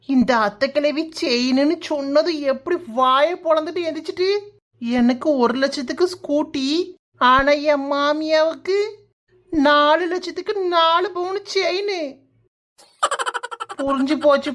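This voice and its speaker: A woman's voice: sits high, measured pace, a bit bright. A woman voicing a mocking young daughter-in-law. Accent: Kanyakumari Tamil. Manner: mocking and sarcastic. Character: sharp-tongued young daughter-in-law, scheming. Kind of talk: cartoon voice acting.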